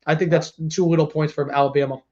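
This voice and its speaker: A man's voice: a little high, level tone, fast, darkish tone. A man co-hosting a casual sports podcast, laid-back while he breaks down games. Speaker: podcast co-host. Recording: dull lo-fi sound.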